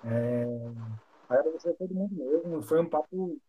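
A man hosting a live-stream interview, a psychology student who speaks gently and politely. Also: a little high, normal speed, narrow, tinny audio. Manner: gentle, grateful, polite wrap-up.

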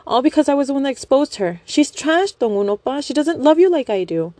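A woman's voice: sits high, big pitch swings, fairly quick, warm tone, no room sound, pitched above the performer's own voice. A woman voicing an obsessive young female fan in a story, whiny, pleading and jealous, stammering as she talks. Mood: whiny, accusing.

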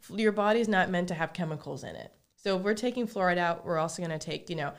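A woman guest on a podcast interview, relaxed and talkative, explaining her views with everyday examples and frequent laughs. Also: fairly low pitch, quick pace. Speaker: detox therapist guest. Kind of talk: casual interview chat.

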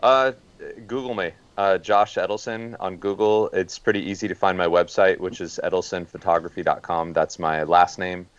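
A man's voice: sits low, fairly even intonation, moderate pace, clean tone, no echo, highs cut off. A man speaking as a guest photojournalist on a podcast, plain and practical with some fillers. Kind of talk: casual podcast talk.

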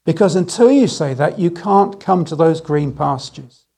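A middle-aged man preaching a sermon, telling stories with gentle humour and slowing down on key phrases. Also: fairly high pitch, animated, husky. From England. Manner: storytelling with gentle humour, slow emphatic phrases. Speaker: guest speaker.

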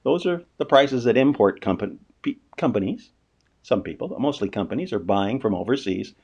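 Gravelly guy talking money stuff, swoops all over pitch-wise, keeps restarting sentences. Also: animated, normal speed, a little mellow, muffled recording. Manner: conversational, rhetorical questions, frequent restarts. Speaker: finance commentator. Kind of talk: casual economic commentary monologue.

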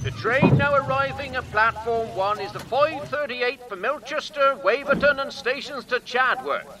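An actor playing a formal male railway station announcer heard over the station loudspeaker, reading out trains and platforms in a measured announcing cadence. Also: extremely high pitch, distant mic, noisy background. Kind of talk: radio drama acting.

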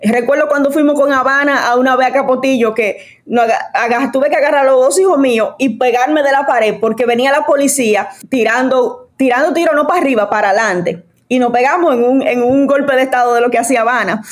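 A woman's voice: high-pitched, fairly quick, hardly any pauses. A woman, passionately telling her story as an evangelist guest. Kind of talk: casual testimony chat.

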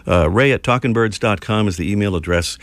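A man's voice: fairly low pitch, fairly quick, no room sound. A man hosting a radio show about birds with a jokey, easygoing manner. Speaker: radio host.

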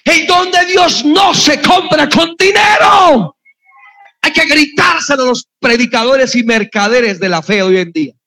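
Male preacher, very high and sharp voice, passionate shouting delivery. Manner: impassioned, often shouting, storytelling. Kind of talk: sermon.

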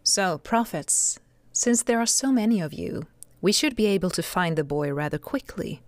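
A woman's voice: lowish voice, expressive, moderate pace, dry recording, close to an everyday voice. A woman playing a disembodied, commanding voice of God who narrates and coaxes in an audio drama. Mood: wry, commanding.

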